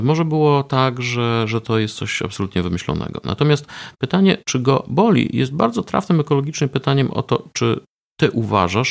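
A man being interviewed about research he ran, explaining in a measured way with frequent hesitation fillers. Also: mid-range voice, gravelly. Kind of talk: conversational interview.

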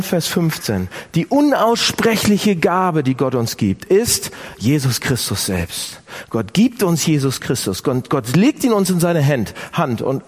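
A man preaching a sermon, speaking directly to his listeners with lively emphasis. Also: high voice, husky. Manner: animated, addresses listeners directly.

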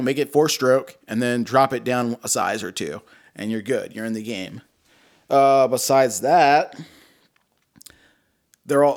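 A male podcast host with a mid-range voice and a loose frat-bro way of talking. He chats casually and slangily, like he's hanging out with buddies. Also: mid-range voice. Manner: laid-back frat-bro slang, peppered with "dude" and "man".

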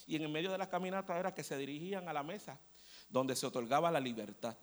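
A male preacher tells a story to his church in an animated way, now and then asking the room to agree. His voice sits a little high for a man. It carries a long reverb from the sanctuary. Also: fast. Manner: animated storyteller, asks the congregation "¿verdad?". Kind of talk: storytelling sermon.

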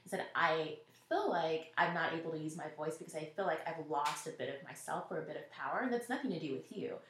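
Heard in a room with noticeable echo and slight background noise, this interview guest speaks in a low-pitched, fairly bright voice at a quick clip. She's a school network executive from Nashville, Tennessee, reflecting earnestly on her answers and frequently repeating others' words.

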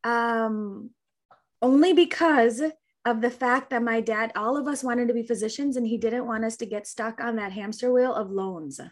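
A woman's voice: fairly high pitch, moderate pace. A woman physician from the Chicago area telling her story as a podcast guest, bubbly and effusive, with plenty of likes. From Chicago area, United States. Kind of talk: podcast interview.

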